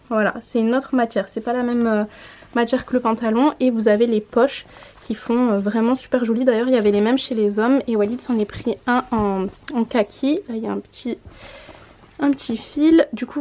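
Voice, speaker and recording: Chatty young mom with a mellow voice. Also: female voice, fairly high pitch, steady tone, a little fast. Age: 20s. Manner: chatty, self-correcting, showing items to camera. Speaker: mom vlogger. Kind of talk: casual haul vlog. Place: home room by a window.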